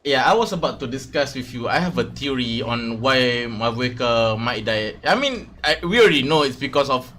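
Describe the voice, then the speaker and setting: A man's voice: medium pitch, lively intonation, moderate pace, hardly any pauses, fairly bright tone, slight background noise. A man from Malaysia hosting a casual livestream chat, talking hesitantly with many fillers and restarts. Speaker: streamer host.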